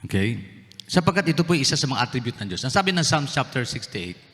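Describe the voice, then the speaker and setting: A Filipino pastor preaches fast to his congregation in a church sanctuary, where his bright, mid-range voice rings with a long reverb. His pitch swings widely as he slips English phrases into the sermon and keeps asking his listeners questions.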